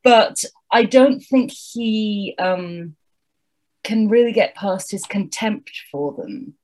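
A woman's voice: medium pitch, slow. A woman co-hosting a casual book-chat podcast, wry and thoughtful, reading passages aloud with relish. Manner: thoughtful, wry, lively reader. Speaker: podcast co-host.

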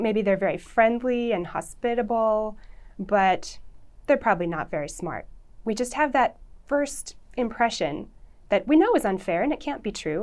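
A woman professor, a guest in an interview, explaining at length in an articulate, lecturing way, thinking aloud with fillers. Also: lowish voice.

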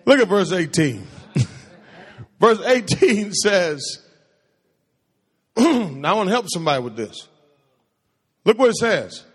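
A male pastor delivers a slow, animated call-and-response sermon in a church sanctuary, his voice husky and, by his own description, a baritone. He preaches by asking the congregation questions and answering them himself, and the recording carries a long hall reverb.

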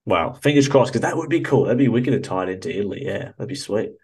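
A New Zealand man whose accent sounds Australian hosts a casual podcast interview from a small cubby. His voice is lowish and darkish with a breathy edge, and he talks quickly and animatedly. He is chatty, upbeat, and laughs easily.

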